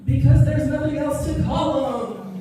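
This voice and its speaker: A woman's voice: high-pitched, expressive, measured pace. A woman leading a group through an underground cave, giving upbeat, joking directions, her voice echoing through the cave. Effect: cave echo. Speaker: cave tour guide. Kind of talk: guided tour talk to a group. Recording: echoey cave, voice from far off, faint noise.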